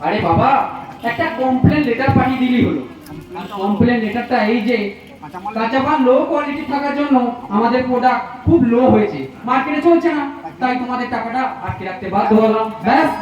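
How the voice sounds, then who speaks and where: A man's voice: very high voice, quick pace, a crowd in the background. A man playing a cocky, scheming younger businessman in a hammy, exclamatory jatra stage style. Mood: brash, scheming. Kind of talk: Bengali jatra folk theatre acting. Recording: dull, echoey, far-off stage recording with music.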